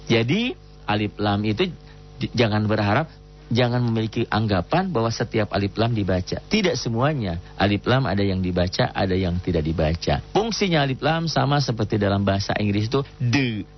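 A man teaching the rules of Quran recitation in a patient lesson, stopping to chant examples slowly and melodically. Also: on the low side, animated, dull audio, a little hiss or hum. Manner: explains rules patiently, breaks into slow melodic recitation of Arabic.

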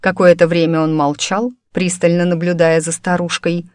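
A woman narrating an audiobook in the first person, with steady, even storytelling. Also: lowish voice, normal speed, no room sound, clean studio sound.

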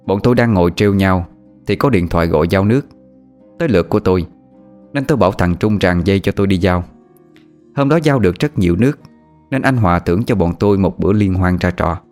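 A man narrating a ghost story in first person, steady and plain. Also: sits low, fast, faint music behind.

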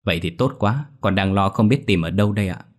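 A man's voice: on the low side, expressive, fast talker. A man voicing a polite, deferential young wife and mother in a ghost story, over faint music.

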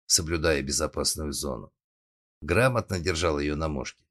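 A man reading a thriller audiobook as narrator, in a steady dramatic tone. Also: very deep voice. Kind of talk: scripted narration.

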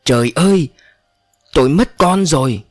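A man's voice: medium pitch, sing-song, normal speed, husky, dry recording, soft background music. Man doing a frail dying old father, ex bandit boss, cries out then goes weak, dry close sound. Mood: anguished cry. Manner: anguished cries, weak reproach. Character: dying old father, former gang chief.

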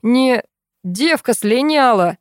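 A woman voicing a coarse, furious man who yells and swears, reading a story aloud. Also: fairly high pitch, lively intonation, slow, dry recording, studio quality, pitched above the performer's own voice. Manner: yelling, swearing, explosive.

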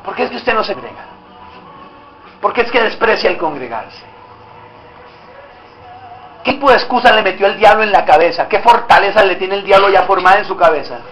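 A man's voice: high-pitched, lively intonation, fairly quick, pauses often, a bit bright, muffled recording, soft background music. A male pastor preaching a sermon, exhorting the congregation with direct questions, recorded in a church hall.

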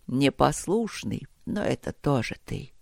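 A frail old emperor lies dying in a storybook battle, voiced by a man. His voice sinks low and slow into a breathy whisper. He stays tender and resigned, and the recording is dry and close. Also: dry recording. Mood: weak, tender.

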